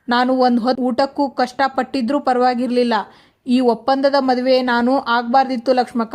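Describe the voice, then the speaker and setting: A woman voicing a despairing young wife who repeats her regrets, in a high, flat voice. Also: lightly acted.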